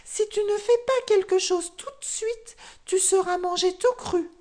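A tiny, loyal guinea fowl chirps an urgent warning in a piping, squeaky voice. She speaks fast and high. A spoken folktale. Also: mellow. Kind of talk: storytelling.

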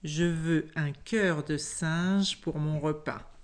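Une femme jouant une maman crocodile sévère. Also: steady tone. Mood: stern. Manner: slow, low and stern. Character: hungry mother crocodile, commanding.

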